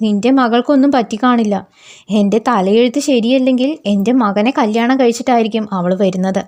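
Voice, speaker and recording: A woman's voice: on the high side, a little fast, a little mellow, lightly acted. A woman reading a resentful scolding mother.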